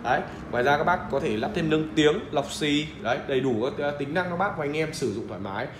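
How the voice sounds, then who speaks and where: A man's voice: fairly high pitch, lively intonation, fast talker. Northern vietnamese guy doing hard sell shop ad, pushy and repetitive, roomy sound w a bit of noise. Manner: insistent, repetitive, urging buyers. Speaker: audio shop seller presenting a product. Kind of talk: hard-sell ad pitch, informal product demo. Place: indoor shop room with audio gear. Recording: roomy echo with faint background noise.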